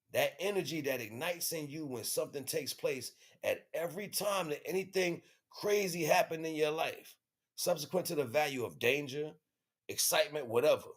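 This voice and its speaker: This American man's voice runs on the high side and slightly rough. On his livestream he delivers an informal spiritual monologue to viewers, repeating himself emphatically in street slang.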